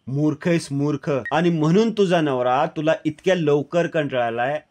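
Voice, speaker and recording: A woman's voice: sits low, normal speed, darkish tone, natural voice. A man reading the lines of a scheming young rival woman from a TV serial, taunting and mocking.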